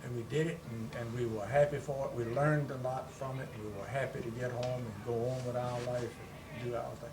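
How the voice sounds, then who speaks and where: An elderly male veteran looks back on his wartime service. He speaks plainly and conversationally, as one remembering. The microphone is some way off, with clear noise around him. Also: mid-range voice, steady tone, brisk, hardly any pauses. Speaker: war veteran, interviewee. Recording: noisy room, distant microphone.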